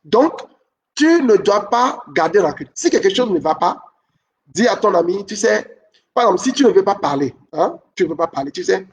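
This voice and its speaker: A man with a notably high voice gives relationship advice in a steady, instructive talk. He drives points home by repeating them and keeps pausing to check that listeners follow. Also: distant mic, dull audio.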